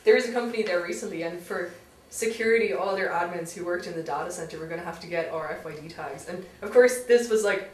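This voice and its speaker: A woman's voice: on the low side, fast talker, a little hiss or hum. Female co-host, dry playful delivery; roomy space, distant mic. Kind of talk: joking tech news chat.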